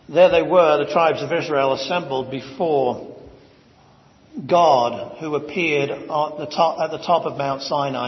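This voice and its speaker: A man preaching an expository sermon, slow and deliberate, building to rising emphatic stresses. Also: on the high side. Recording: dull lo-fi sound with long hall reverb.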